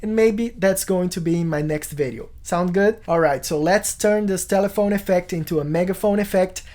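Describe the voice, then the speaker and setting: A man's voice: high-pitched, moderate pace, darkish tone. A man in his thirties explaining things as a video tutorial host in a small home studio. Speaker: music production tutorial host.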